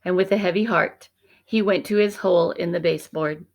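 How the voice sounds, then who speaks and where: In a voice on the low side, a woman teacher brings a children's picture book to life. She keeps a measured, dramatic pace and often lowers her voice to a hush.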